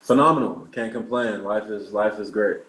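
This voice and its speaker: A man in his twenties speaks at normal speed in a voice on the low side. He's an Australian-raised professional basketball player, casually answering interview questions and repeating words as he begins sentences. The recording is rough, with an echoey room.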